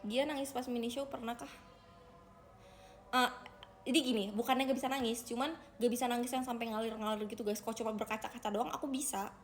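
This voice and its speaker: A woman's voice: on the high side, steady tone, fast talker. A young woman hosting a casual livestream, chatting with her viewers and calling them guys. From Indonesia. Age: young adult. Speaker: idol livestreamer.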